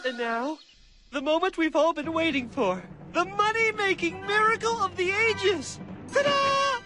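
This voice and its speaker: A nervous, showy one-eyed alien gushes in a high, bright voice that leaps wildly up and down. He is fussy and theatrical, a cartoon figure through and through. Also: expressive, unhurried, soft background music, heavily acted. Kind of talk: cartoon voice acting.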